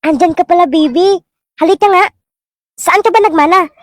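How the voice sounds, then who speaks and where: A woman with a Filipino accent acting out short comic skits, switching between characters. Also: very high voice. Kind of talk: comedic POV skits playing many characters.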